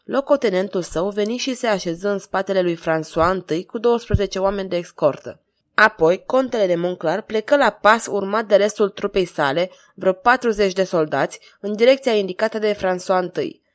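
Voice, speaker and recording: A woman narrating an audiobook chapter in a measured, dramatic reading. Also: medium pitch. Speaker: volunteer audiobook reader.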